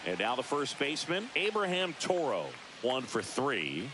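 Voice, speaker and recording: A man's voice: mid-range voice, sing-song, moderate pace. A man playing a baseball play-by-play announcer, calling the game radio-style in clipped, punchy calls over noisy ambience. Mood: focused, animated. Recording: noisy stadium ambience behind voice.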